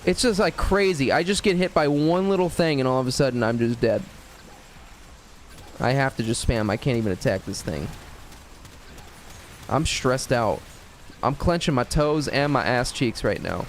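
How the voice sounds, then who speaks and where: Over slight background noise, a man streams a game and chats casually in a mid-range voice at normal speed, pausing often. He rambles hesitantly with lots of fillers and curses at the game.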